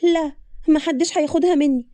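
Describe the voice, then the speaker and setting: A woman's voice: sits high, fairly even intonation, fairly quick, mellow, no echo, close to an everyday voice. A woman voicing an earnest, grieving young widowed bride in an Upper Egyptian accent. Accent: Upper Egyptian Arabic.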